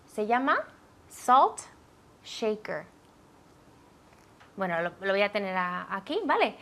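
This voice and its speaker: A woman teaching a language lesson, drilling pronunciation clearly and checking in with her student often. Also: medium pitch, very animated, takes it slowly, fairly bright tone. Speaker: English teacher.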